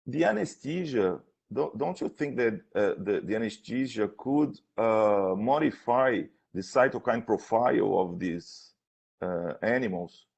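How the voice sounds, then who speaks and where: Halting, creaky-voiced man, slow academic questioner. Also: on the low side, expressive, a little mellow. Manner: halting, hesitant, repeats words while searching for phrasing. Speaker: thesis defense examiner. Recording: dull, lo-fi sound.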